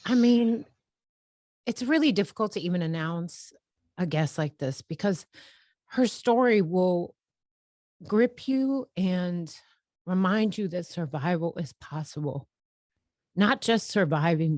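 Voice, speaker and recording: A woman's voice: lowish voice, expressive, takes it slowly, pauses often, a little mellow, no echo, clean studio sound. A woman hosting a podcast interview, heartfelt and rambling, often laughing and tearing up. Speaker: podcast host.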